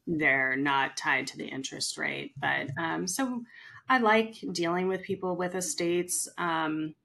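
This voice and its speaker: A middle-aged woman with a low voice and a gravelly, creaky texture. She talks casually in a chatty, animated way about her real estate work. She often slips into the voices of the people she quotes. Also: measured pace. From California. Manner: chatty, animated storyteller who acts out quotes. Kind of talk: casual podcast conversation.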